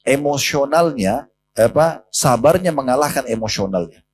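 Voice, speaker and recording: A man's voice: medium pitch, expressive, moderate pace, a little hiss or hum. A man preaching a sermon to a mosque congregation, emphatic and addressing his listeners directly. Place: mosque hall.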